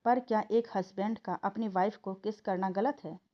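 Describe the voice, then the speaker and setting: A woman voicing a level-headed young man who calmly reasons to stop a fight, in a slightly dull recording. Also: high voice, normal speed, natural voice. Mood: reasoning. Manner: calm, reasoning.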